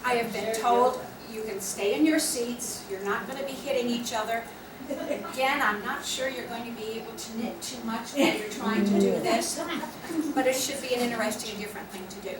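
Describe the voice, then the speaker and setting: At a guild meeting, a woman officer with a slightly high voice and moderate pace practically explains upcoming class plans during club announcements. The meeting room sounds echoey, with a distant mic and noise.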